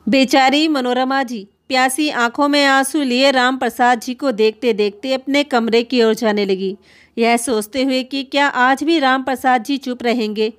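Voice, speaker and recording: A woman tells a family story as scripted narration, steady and earnest. Her voice is a little higher than most women's. The delivery stays even throughout. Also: normal speed.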